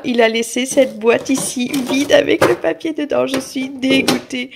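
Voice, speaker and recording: Against a noisy background, a woman in her late twenties with a French accent and a slightly high voice with vocal fry chats to camera in a family vlog. She rambles on about her day and murmurs softly to her cats.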